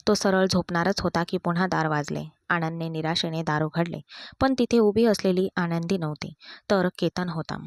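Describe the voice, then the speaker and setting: A woman narrating a storybook tale in an even, steady reading. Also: lowish voice, no room sound, clean studio sound.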